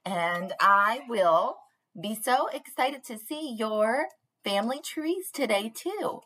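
A young woman, a preschool teacher, reads aloud to small children in a bubbly, sing-song way, her voice on the high side, animated, slow and fairly bright. She's recorded on a webcam in a small panelled room.

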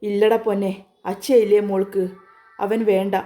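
A woman storyteller voicing a grieving middle-aged father who speaks in a slow, broken, consoling way. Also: medium pitch, little pitch movement, dark tone, close to an everyday voice.

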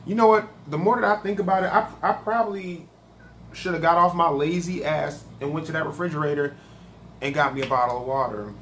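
A man's voice: on the high side, fairly quick, fairly bright tone, a little hiss or hum. A man casually reviewing a spicy snack on his own video channel, talking loosely and swearing a lot. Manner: profane, laid-back, chatty. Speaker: food reaction vlogger.

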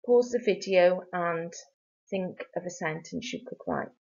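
Woman teacher for a video lesson, slow deliberate drilling, slightly dull lo-fi sound. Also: on the low side, a little mellow. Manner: slow, clear drilling with repetition prompts. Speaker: French teacher. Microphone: video lesson mic.

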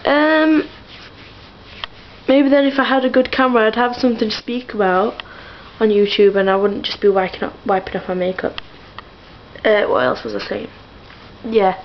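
A woman's voice: on the high side, fairly even intonation, normal speed, long pauses, lo-fi sound, slight background noise. A young woman chatting aimlessly to her camera in her bedroom, full of fillers, giggles and side remarks. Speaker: vlogger. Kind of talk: rambling casual vlog.

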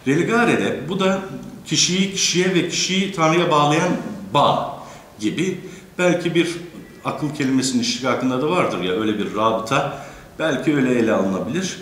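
A man of middle pitch lectures in an echoey room, with faint hum behind him. He talks hesitantly, with many drawn-out fillers. He keeps a polite tone toward the teachers listening. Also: expressive, fairly bright tone. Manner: courteous, addresses teachers in the audience. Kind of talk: academic lecture.

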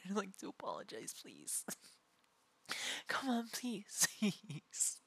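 A man voicing a mischievous femboy prankster in an ASMR role-play, pleading breathlessly and giggling under a tickle attack with rapidly repeated words. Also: high-pitched, lively intonation, sharp tone, slightly rough, full character voice. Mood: helpless, breathless laughter.

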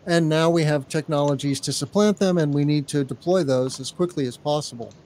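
Male podcast co-host with a slightly higher voice, loose and conversational, quick to banter. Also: a little mellow, a little hiss or hum. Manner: chatty, easygoing, quick to banter. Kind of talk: casual chat.

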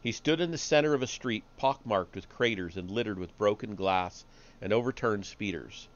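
Low-voiced man reading a story aloud. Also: moderate pace, dull audio. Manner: steady reading with small slips and restarts. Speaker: streamer reading stories aloud. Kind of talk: live reading of fiction.

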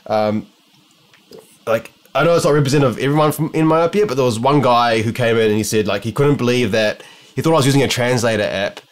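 A young optometrist with a New Zealand accent films a casual vlog from his living room, speaking fast in a mid-range voice. He muses and rambles to the camera, restarting his sentences many times.

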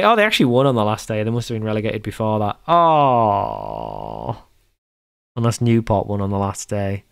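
A man's voice: lowish voice, creaky. A young man giving casual commentary over a football management game, exasperated and repeating himself as he talks to himself. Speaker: gaming YouTuber.

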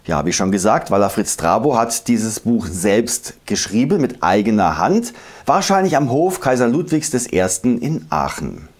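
Male history narrator, lower voice, lively animated delivery, scripted lesson read. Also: breathy edge. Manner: lively, emphatic explainer who slows to recite old verses. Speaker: history video host.

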